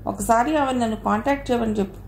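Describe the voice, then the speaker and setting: Smooth scheming film producer guy, woman reading him, roomy echo. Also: very high voice, quick pace. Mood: persuasive. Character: scheming middle-aged male film producer. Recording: roomy echo, faint noise.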